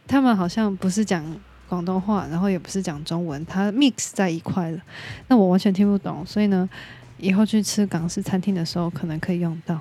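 Mellow-voiced Taiwanese woman podcaster. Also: fairly low pitch, a little fast. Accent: Taiwanese Mandarin. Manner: candid and opinionated, drops in English words. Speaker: podcast host. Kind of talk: casual solo podcast chat.

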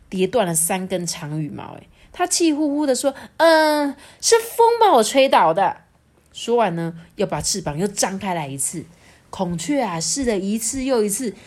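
A woman reading a picture book aloud to her child, lively and asking the child questions. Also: on the low side.

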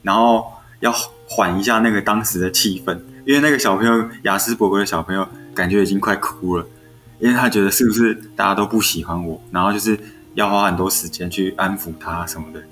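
A man's voice: on the low side, fast. A young man in his twenties with a Taiwanese Mandarin accent, an elementary school teacher telling classroom stories in casual chat and acting out what was said. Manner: animated storyteller who acts out quoted dialogue. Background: faint background music.

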